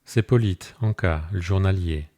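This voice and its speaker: A man voicing a middle-aged farmer and mayor who answers calmly and briefly. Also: low-pitched, unhurried. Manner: calm, brief replies.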